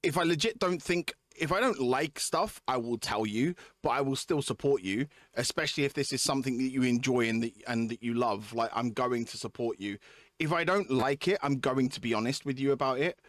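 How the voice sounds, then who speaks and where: The recording is dry and studio-clean as a man with a mid-range voice speaks fairly quickly in casual livestream chat with viewers, streaming games. Sweary and repetitive in his informal way, he is an adult with young kids, and clear music plays in the background.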